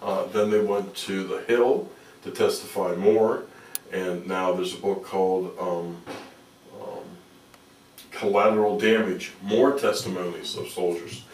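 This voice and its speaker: Older male interview guest, slightly low voice, repetitive conversational delivery, recorded at a distance. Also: steady tone, measured pace. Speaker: activist and journalist, interview guest. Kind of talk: casual interview storytelling. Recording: echoey room, distant from microphone.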